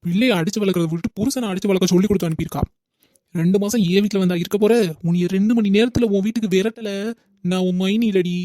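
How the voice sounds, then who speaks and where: A woman's voice: mid-range voice, fast, mellow, dry recording, lightly acted. A woman doing a scolding, shrewd cartoon housewife. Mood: scolding determined. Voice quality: scolding, threatening. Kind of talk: cartoon comedy voice acting.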